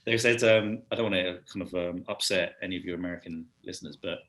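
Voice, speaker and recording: A British man, a podcast guest, telling stories in a casual and animated way. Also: low voice, fast talker. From United Kingdom. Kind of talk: casual storytelling chat.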